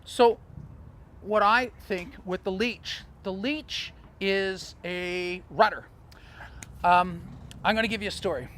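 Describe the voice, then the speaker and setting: A man coaching sailors on sail trim, talking in an animated, storytelling way with chuckling asides. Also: sits high, slow pace, slight background noise. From Canada. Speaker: sailing coach. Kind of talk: outdoor teaching talk.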